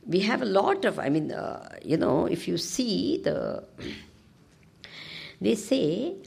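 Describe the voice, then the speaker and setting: Animated South Indian woman teaching scripture. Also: mid-range voice, slow pace, gravelly, breathy edge. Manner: animated, prompts listeners with questions. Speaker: spiritual teacher. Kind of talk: informal scripture discourse to a class, with Sanskrit verses.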